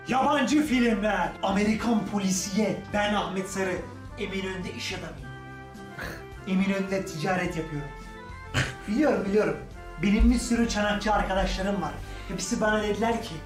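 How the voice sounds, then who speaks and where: A boastful bazaar businessman, put on by a man hams up an ad pitch in a high, bright voice. The voice echoes in a room, with music playing behind it. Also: distant mic, lightly acted. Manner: hammy infomercial pitch. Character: boastful male small-time businessman from a market district. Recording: roomy echo over music.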